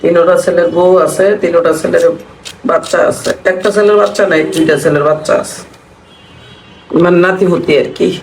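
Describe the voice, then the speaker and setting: A woman's voice: on the low side, fairly even intonation, moderate pace. A woman, chatting while cooking and reminiscing in a repetitive, mournful way. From Bangladesh. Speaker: vlogger. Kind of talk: casual chat while cooking. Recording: roomy, from a distance, faint noise.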